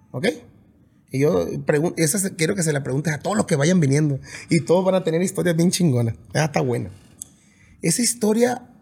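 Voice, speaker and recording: Gravelly man telling band stories. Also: on the high side. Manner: animated, swears freely, imitates drum hits with his voice. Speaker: band musician and singer. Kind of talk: casual interview storytelling.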